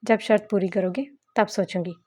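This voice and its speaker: A woman voicing a sharp-tongued, haughty young bride with a sarcastic manner. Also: mid-range voice, steady tone, normal speed, lightly acted.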